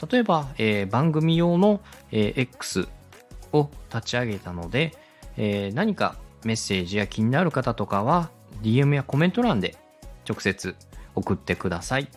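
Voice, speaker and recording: A man with a mid-range voice, big pitch swings, and a moderate pace speaks over faint music. A podcast host and radio director, he politely explains podcast making step by step as an instructor.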